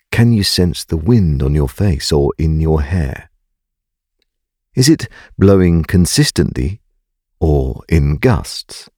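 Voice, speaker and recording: A man narrating a scripted guided meditation in a calm, gentle, soothing and unhurried way. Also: sits low, husky, dry recording, studio quality.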